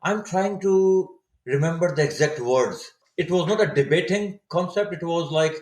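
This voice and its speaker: A man in his fifties from Saudi Arabia, a native Urdu speaker, tells his story as a guest on a podcast in casual interview style. He's thoughtful and reflective, often pausing and restarting as he searches for words. His voice is a little high with a darkish tone, in an echoey room.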